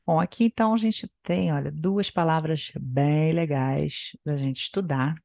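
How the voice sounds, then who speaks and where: A Brazilian woman, a native Portuguese speaker, teaching English by reading a book aloud and explaining it in Portuguese, with slow, careful pronunciation drills. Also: sits low, vocal fry, darkish tone, no room sound, dull audio.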